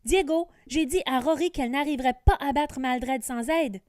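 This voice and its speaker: A woman's voice: high-pitched, moderate pace, a little mellow, no echo, studio quality, natural voice. A woman voicing an anxious young boy who pleads with his friends, in a storybook reading. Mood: worried. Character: worried young boy dragon master.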